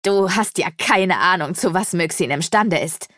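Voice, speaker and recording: Give me a woman doing a brash, sneering male bird-man, loud, in a dry audiobook recording. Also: on the low side, normal speed, no room sound, lightly acted. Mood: aggressive. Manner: sneering, aggressive. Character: angry male bird-man warrior, hot-tempered.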